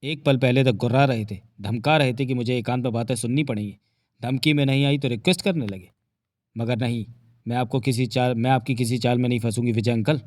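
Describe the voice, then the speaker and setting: A defiant young woman who speaks with scorn and cutting sarcasm, voiced by a male narrator. Her voice stays at an ordinary pitch and sounds close and dry. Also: steady tone, fairly quick, darkish tone, no echo, natural voice. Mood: scornful.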